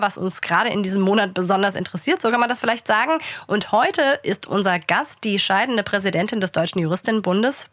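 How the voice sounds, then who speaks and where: A woman co-hosting a legal podcast, speaking in a measured way with frequent fillers. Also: medium pitch, fairly bright tone, no echo, clean studio sound. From Germany. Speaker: podcast co-host. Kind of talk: podcast intro and discussion.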